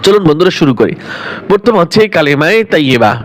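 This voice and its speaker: A man whose first language is Bengali teaches recitation, slowly chanting and drawing out phrases between explanations. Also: fairly high pitch, animated, a little hiss or hum. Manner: slow, drawn-out chanting of Arabic phrases between quick explanations. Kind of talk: religious pronunciation lesson.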